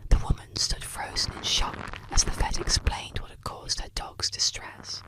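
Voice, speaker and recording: An ASMR storyteller narrates scripted tales in a breathy, unvoiced whisper. The phrasing is soft and deliberate.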